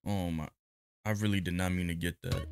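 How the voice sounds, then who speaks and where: A young man giving relaxed, slangy commentary while playing a video game. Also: low-pitched, fairly quick, creaky, background noise. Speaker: gaming youtuber. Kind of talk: casual gameplay commentary.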